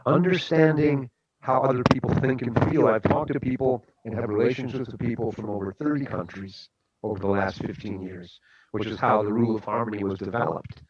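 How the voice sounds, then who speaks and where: A man's voice: mid-range voice, dull audio, background noise. A man who is a guest speaker on a radio talk show, telling a story and giving a motivational talk in an earnest way.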